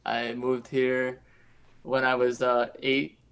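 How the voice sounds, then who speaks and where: A man from Romania, a guest in a casual interview, talking in a relaxed, reflective way with many pauses and fillers. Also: mid-range voice, creaky, smooth, rough recording. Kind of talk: casual conversation.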